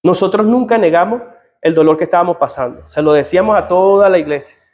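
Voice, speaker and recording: A middle-aged man with a notably high voice delivers a sermon as a pastor. He speaks earnestly and draws on personal stories, quoting what others told him. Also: fast, a little mellow. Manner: earnest, personal storytelling with quoted dialogue.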